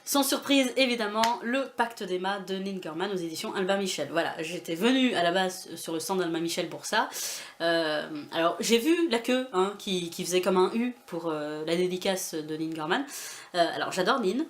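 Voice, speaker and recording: A French woman booktuber chats casually in a vlog showing off her book haul, full of fillers, restarts and self-mocking asides, and she laughs often. Her voice is fairly low and her pace normal.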